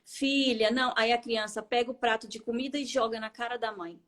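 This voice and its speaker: A woman's voice: a little high, fairly even intonation, fast. A woman with a Brazilian Portuguese accent, co-hosting a casual chat and explaining parenting tips, often adding tag questions. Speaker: co-host giving parenting tips.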